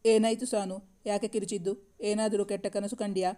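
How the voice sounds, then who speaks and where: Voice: medium pitch, flat delivery, moderate pace, mellow, close to an everyday voice. A narrator reading the lines of a tired, guarded young man in an audiobook romance novel. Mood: weary.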